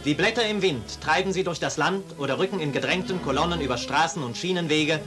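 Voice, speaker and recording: A man's voice: a little high, quick pace. A man narrating an old newsreel soundtrack in a solemn, declaiming manner. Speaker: newsreel announcer. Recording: distant archival recording with music. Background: music.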